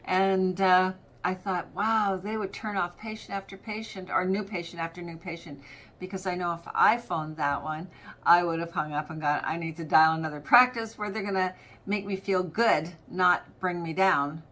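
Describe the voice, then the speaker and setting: A middle-aged woman practice management coach presents a training episode as an informal, conversational talk. She explains with everyday anecdotes and examples and acts out sample phone greetings. Her voice is on the low side and a bit bright, at normal speed.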